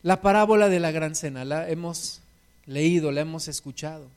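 A man with a Mexican Spanish accent preaching a sermon, passionately swinging between loud emphatic peaks and soft low asides, repeating scripture lines like refrains. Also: moderate pace, smooth.

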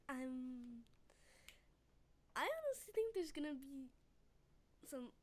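A shy woman guest speaking in a casual chat. Her voice is high and she talks slowly with many hesitations. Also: sing-song, a little hiss or hum.

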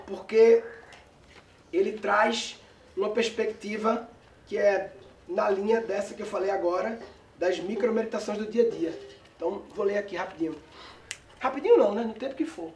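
A woman's voice: on the high side, darkish tone. A woman chatting casually about meditation and reading a story aloud, laughing and adding asides as she goes. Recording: roomy sound, voice far from mic.

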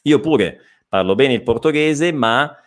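A man's voice: medium pitch, animated. An Italian man with an Italian accent, teaching a live online language lesson and explaining pronunciation patiently. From Italy. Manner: explanatory, repeats words slowly, reads chat questions.

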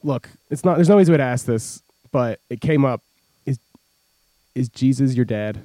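A man's voice: medium pitch, lively intonation, moderate pace, dark tone, no room sound. A man hosting a comedy show, interviewing casually with mock-earnest questions.

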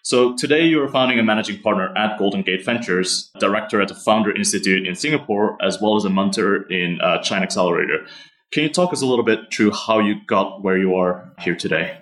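A man's voice: on the low side, brisk, fairly bright tone. A man hosting a podcast, reading a short scripted intro and then asking questions in a friendly way. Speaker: podcast host. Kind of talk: interview hosting.

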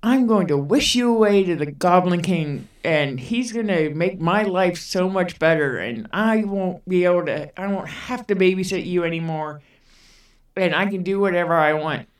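A woman's voice: on the low side, animated, moderate pace, reverberant, recorded from a distance, lightly acted. Woman playing an exasperated teenage girl. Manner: pleading, exasperated. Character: frustrated teenage girl, wants freedom.

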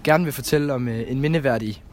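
A man co-hosting a podcast in relaxed, casual chat, pausing often with fillers. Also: medium pitch, slight background noise. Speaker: podcast co-host.

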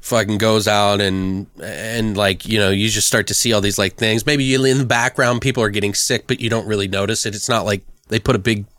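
A young man pitching film ideas in casual chat, loose and hesitant with many fillers. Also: fairly even intonation, brisk, few pauses, fairly bright tone, no room sound. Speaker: co-writer brainstorming a film.

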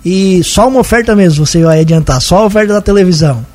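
A man. He hosts a local radio interview in a studio, speaking quickly in a casual, courteous way. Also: high-pitched, a little mellow.

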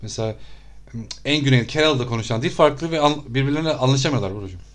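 A man's voice: mid-range voice, fast. A man telling travel stories in a casual chat, stammering and restarting words often.

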